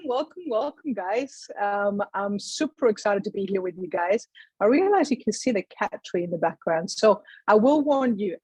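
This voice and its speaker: A woman's voice: medium pitch, a little mellow, husky, dry recording, low-quality recording. Enthusiastic woman presenting over a video call. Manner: enthusiastic, chatty, laughs often. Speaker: webinar presenter. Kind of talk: upbeat online presentation. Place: home with a cat tree.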